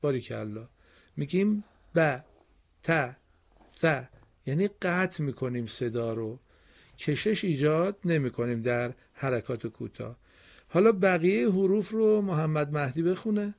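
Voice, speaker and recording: A man teaching a broadcast reading lesson to children, explaining slowly and patiently and praising his pupils often. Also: a little high, expressive, vocal fry, a little mellow.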